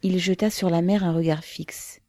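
Casting: audiobook narrator, woman, lowish voice, measured and grave. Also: steady tone, dark tone, no room sound. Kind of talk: audiobook reading of a novel.

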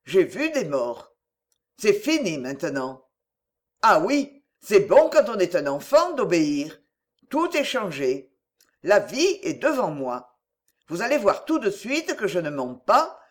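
Woman reader for a dramatic first-person tale, unhurried, with a sweeping pitch. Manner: conspiratorial, addressing the listener directly. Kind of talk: dramatic literary reading.

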